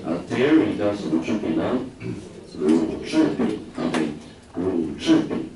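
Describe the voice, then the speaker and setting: Low-voiced man teaching in an echoey classroom. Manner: chatty, asks the class questions, many filler "ah"s. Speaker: English vocabulary teacher. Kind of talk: classroom lecture with anecdotes. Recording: echoey classroom from a distant mic, noisy.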